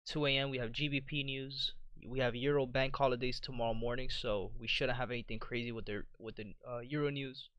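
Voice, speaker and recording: A man's voice: medium pitch, brisk, hardly any pauses, no room sound, lo-fi sound. Man thinking aloud on a trading stream. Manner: relaxed, thinks aloud with "you know" and "right?". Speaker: trading livestream host. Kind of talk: live market commentary.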